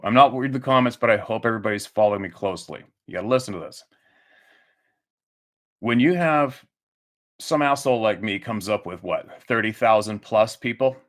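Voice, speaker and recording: A man with a lowish, fairly bright voice launches into a heated, profane monologue to his audience, getting angrier as it goes on. He rants emphatically, repeats himself, and keeps restarting sentences midway.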